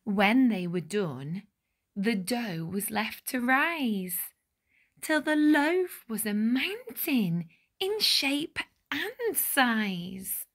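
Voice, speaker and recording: A woman reading a rhyming children's storybook aloud with deliberate, dramatic phrasing. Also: a little high, sing-song, fairly bright tone. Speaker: picture book reader.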